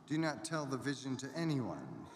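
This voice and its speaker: A man's voice: mid-range voice, wildly swooping pitch, normal speed. Man proclaiming scripture in an echoey church. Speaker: clergyman reading the Gospel. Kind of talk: liturgical scripture reading. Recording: echoey church, long reverb, background noise.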